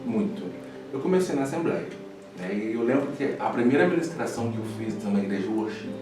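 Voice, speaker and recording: A young preacher tells his story with feeling and laughs at his own past, recorded from a distance. His voice rings around a very echoey room. Soft music plays behind him. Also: lowish voice, expressive, a little fast. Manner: storytelling, emotional, laughing at himself. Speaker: preacher guest. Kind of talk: casual chat.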